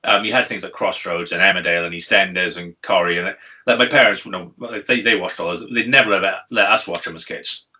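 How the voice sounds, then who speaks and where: A man's voice: low-pitched, fairly even intonation, a little fast, sharp tone. A man in his thirties co-hosting a podcast in casual chat, chatty and wry with loose swearing. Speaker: podcast co-host. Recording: lo-fi, a bit far from the mic.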